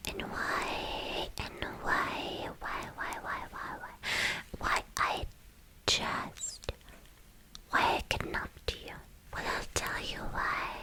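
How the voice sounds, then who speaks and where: A woman takes on the role of a teasing young villain in an ASMR piece, boastful and playful, whispering breathily with halting phrases she repeats. Her voice is pushed and bright, the mood playful and coaxing.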